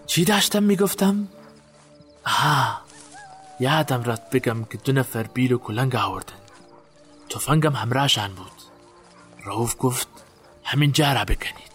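An actor playing a guilt-haunted man recalling a night burial, in a halting, haunted way. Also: mid-range voice, animated, a bit bright, faint music behind, close to an everyday voice. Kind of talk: audio drama acting.

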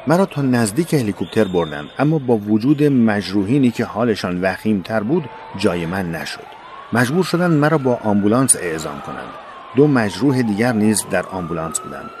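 A man reading a first-person memoir in a solemn, measured voice that often sinks low and soft. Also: sing-song, slight background noise. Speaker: narrator of a war memoir. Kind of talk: scripted first-person narration.

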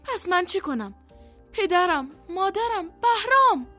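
A woman's voice: extremely high pitch, big pitch swings, bright, forceful tone, faint music behind, heavily acted. An actress playing a bitter, grieving woman prison guard who talks harshly and with strong feeling in a radio drama.

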